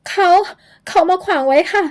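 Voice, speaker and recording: A woman voicing a frightened young woman in an audio novel, pleading in a high, fearful voice. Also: moderate pace, natural voice.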